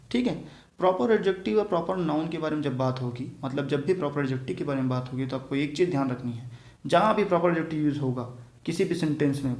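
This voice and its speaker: A man's voice: fairly high pitch, darkish tone. A man from Chhattisgarh teaching a grammar lesson, explaining patiently and checking often that his students follow. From Chhattisgarh, India. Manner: explains patiently, keeps adding tag questions to check understanding. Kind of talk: classroom grammar lecture. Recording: echoey room.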